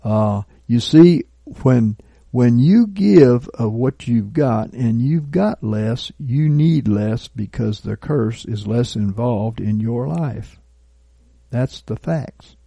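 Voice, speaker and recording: A man preaching a sermon, deliberate and measured, reading scripture aloud and dropping to quiet asides. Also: mid-range voice, animated, gravelly, husky, no room sound. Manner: reads scripture and prophecy aloud. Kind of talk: recorded sermon teaching.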